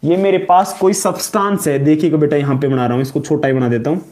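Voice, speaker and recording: Rajasthani-accented male lecturer, higher voice, drilling terms by repetition, classroom at the board. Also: steady tone, fast talker, a little mellow. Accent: Rajasthani-tinged Hindi. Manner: repetitive call-and-response questioning, calls students "beta". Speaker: college chemistry lecturer.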